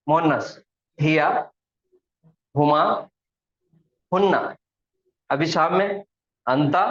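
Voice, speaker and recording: Male grammar teacher, slightly raised pitch, repeats each point patiently; roomy echo, muffled lo-fi sound. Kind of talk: classroom lesson explaining grammar at a board. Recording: echoey room, dull lo-fi sound.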